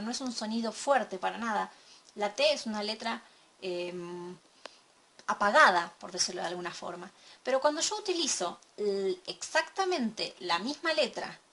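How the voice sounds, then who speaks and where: A woman teaching a recorded lesson from slides, explaining step by step and checking in with a quick question. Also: high voice, fairly bright tone. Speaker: English teacher.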